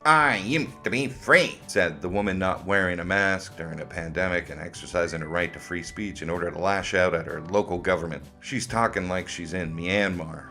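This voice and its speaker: A man's voice: deep voice, fairly even intonation, a little fast, hardly any pauses, pushed and bright, soft background music. A man hosting comic reaction commentary in a sarcastic, mocking way. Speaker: host of a commentary video.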